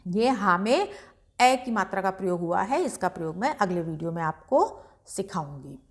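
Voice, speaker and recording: A woman teaching beginners to read Hindi, sounding each word out slowly before explaining it briskly. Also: mid-range voice, expressive. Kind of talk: slow syllable-by-syllable reading lesson.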